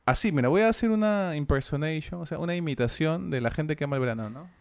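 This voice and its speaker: Smooth-voiced man, casual co-host. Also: a little high, expressive, quick pace, dry recording. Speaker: voice acting teacher, co-host. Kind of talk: casual live chat.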